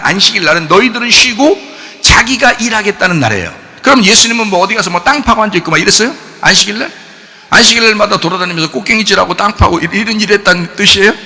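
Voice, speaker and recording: A man preaching a sermon as pastor, who questions his congregation and acts out quoted voices, swinging from soft to loud. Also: sits high, fast talker, slightly rough, long reverb tail. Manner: animated, asks the congregation questions. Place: church sanctuary.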